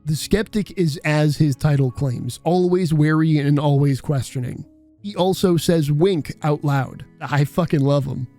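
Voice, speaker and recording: Reading from a script at a measured pace, a male video essayist with a slightly high voice sounds conversational and irreverent, swearing freely. A soft music bed plays beneath him.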